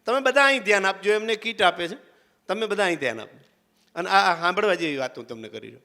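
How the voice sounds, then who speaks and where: A man tells a devotional story to a gathered crowd, his voice high and bright. He swings through lively rises and falls, chants verses, and slips into each character's voice. He also serves as the evening's emcee. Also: fast. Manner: animated, chanting verses, voicing characters in dialogue. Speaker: religious storyteller and event emcee. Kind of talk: devotional storytelling to a live audience.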